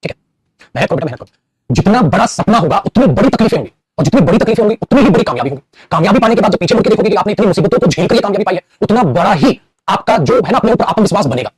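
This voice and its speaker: A young man lectures an English grammar class, his husky voice leaping up and down in a lively way. He rattles on at a racing pace and calls his students beta and bhai. The sound is dry and close. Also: high-pitched, racing, dry recording. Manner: animated, addresses students as beta and bhai, playful acted asides.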